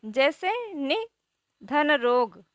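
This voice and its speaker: A woman teaching a grammar lesson who asks questions and answers them herself, spelling out words slowly. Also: sits high, animated, no room sound, clean studio sound.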